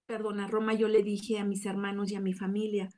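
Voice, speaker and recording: A woman from Mexico shares an earnest, reflective religious testimony about her own life, with a few small restarts. Her voice is medium in pitch, level in tone, slightly fast, and a little mellow.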